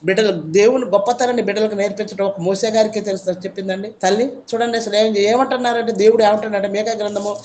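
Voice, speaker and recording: A woman's voice: mid-range voice, fairly even intonation, fast talker, few pauses, darkish tone, a little hiss or hum. Woman preacher, sermon delivery, emphatic and repetitive. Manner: emphatic, repetitive rhetorical questions.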